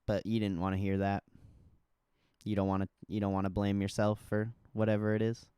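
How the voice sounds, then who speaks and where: A man's voice: fairly low pitch, little pitch movement, a little fast, warm tone, clear, resonant tone, no room sound, clean studio sound. A young man chatting casually on a livestream like a laid-back crypto bro, slangy and sweary. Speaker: livestream host.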